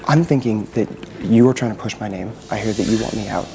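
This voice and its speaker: A man's voice: fairly low pitch, quick pace, vocal fry, mellow. A man in a reality game confronting another player with direct, pressing questions. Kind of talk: tense strategy conversation.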